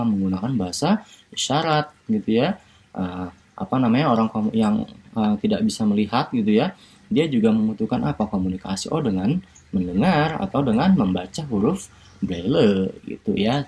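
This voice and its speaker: A male university lecturer giving a recorded online lecture, explaining slowly with many fillers and tag questions. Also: on the low side, a little mellow, breathy edge.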